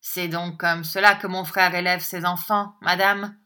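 Woman reading a grumpy old miser uncle, curt and impatient, loud and a bit higher than her narration, slow. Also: little pitch movement, clean tone. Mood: scornful.

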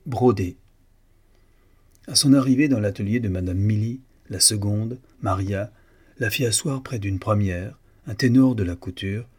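A man reading a novel aloud as audiobook narrator, in a measured, even storytelling manner. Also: lowish voice, slightly rough.

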